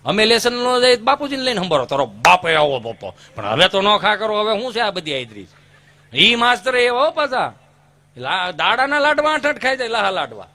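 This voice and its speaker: A man with a Kathiawadi Gujarati accent telling folk stories on stage as a comedian, lively and acting out the voices of the people in his tales. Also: high-pitched, brisk.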